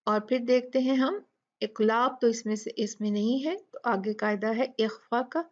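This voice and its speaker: A woman's voice: a little high, moderate pace, muffled recording. A woman teaching tajweed step by step, patiently repeating each sound syllable by syllable. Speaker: Quran recitation teacher.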